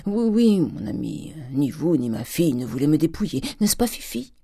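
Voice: very animated, normal speed, creaky, mellow, slightly rough, no echo, studio quality, exaggerated voice. A reader voicing a cunning, miserly old father who wheedles, stammers and drops into whispers. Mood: wheedling. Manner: wheedling, stammering, with sudden whispers and high jumps.

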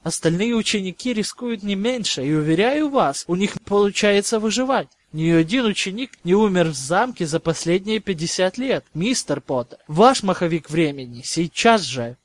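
A man's voice: high voice, expressive, moderate pace, hardly any pauses, no room sound. A man reading as a stern older professor woman. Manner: strict, clipped reproach.

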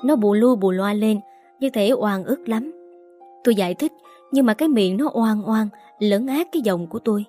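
A woman reading a first-person story aloud in a steady storytelling manner. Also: medium pitch, moderate pace. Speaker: narrator. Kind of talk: first-person audiobook narration. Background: faint background music.

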